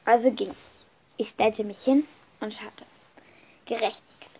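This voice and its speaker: A woman with a slightly high voice tells a first-person story off the cuff. She speaks in a lively way, often restarting and correcting herself mid-sentence. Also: unhurried, slightly rough.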